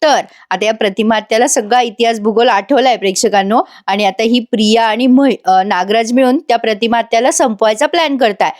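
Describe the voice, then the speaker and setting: A giggly woman recaps a TV serial in a casual voice-over and keeps talking straight to her viewers. Her voice sits high and she can barely hold back laughter. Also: brisk, few pauses. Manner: chatty, addresses viewers directly. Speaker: TV serial reviewer. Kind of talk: casual voice-over episode review.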